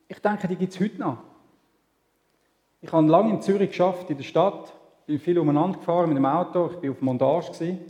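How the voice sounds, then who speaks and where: A man's voice: fairly high pitch, dark tone. A man with a Swiss German accent preaching a sermon in a conversational way, asking rhetorical questions. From Switzerland. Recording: echoey hall with long reverb.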